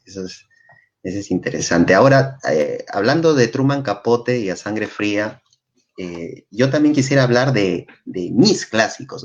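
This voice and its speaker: A man, a guest in casual chat, telling stories and acting out the people in them. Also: lowish voice. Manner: animated storyteller, acts out quotes. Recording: dull lo-fi sound.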